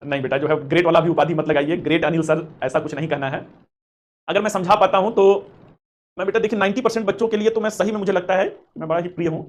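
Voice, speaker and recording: Fast-talking Hindi history teacher, a man. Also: sits high. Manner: addresses students as beta, chatty and encouraging; mixes Hindi with English terms. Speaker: history teacher for civil service exam coaching. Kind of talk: live online class with chat questions.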